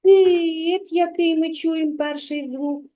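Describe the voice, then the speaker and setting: Patient woman teacher, high mellow voice. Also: expressive. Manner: patient, drawn-out stressing of sounds and words. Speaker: kindergarten teacher. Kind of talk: one-on-one literacy lesson with a child.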